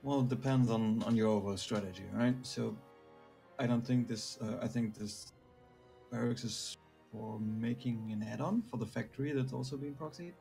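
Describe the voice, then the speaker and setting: Man from germany, gravelly low voice, faint background music, explanatory game talk. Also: fairly even intonation, normal speed, warm tone. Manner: explanatory, says "right?". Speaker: guest player. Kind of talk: casual game analysis.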